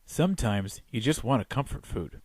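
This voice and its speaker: Male film reviewer, medium pitch, scripted narration, wry, opinionated, dry echo-free sound. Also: lively intonation, moderate pace.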